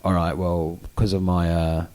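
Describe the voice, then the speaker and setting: A British podcast co-host with a self-described chavvy accent explains things in a casual educational chat, rambling informally with plenty of "you know"s. His low voice has little pitch movement and a darkish tone, moving a little slowly.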